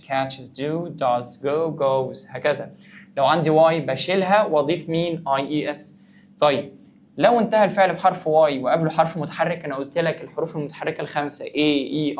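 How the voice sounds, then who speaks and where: Fast-talking Egyptian teacher. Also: male voice, on the high side. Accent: Egyptian Arabic. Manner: asks and answers his own questions, playfully teasing the student. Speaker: English teacher. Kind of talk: online grammar lesson.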